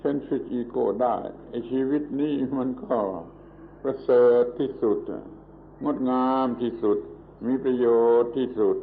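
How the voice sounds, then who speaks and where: Gravelly old-tape monk, very slow. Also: male voice, medium pitch, level tone. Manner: slow and deliberate, repeating words for emphasis. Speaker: monk giving a Dhamma talk. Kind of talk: Buddhist sermon. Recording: muffled, phone-like old tape with faint hiss.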